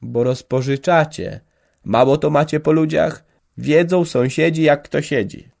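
A man's voice: fairly high pitch, unhurried, gravelly, pitched above the performer's own voice. A man voicing a complaining, talkative middle-aged village organist, raising his voice as he grumbles. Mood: chiding. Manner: lively, grumbling, raised voice.

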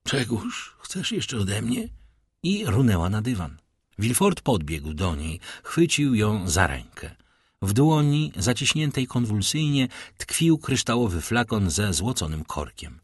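A man narrating an audiobook in an expressive, dramatic way. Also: fairly low pitch, a little slow, slightly rough, no room sound, studio quality. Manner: expressive, lively storytelling.

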